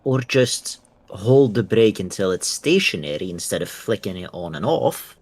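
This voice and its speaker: Brief: joking male co-player, low and husky with a lively delivery. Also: moderate pace, dry recording. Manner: joking, dry quips. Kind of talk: casual gameplay chat.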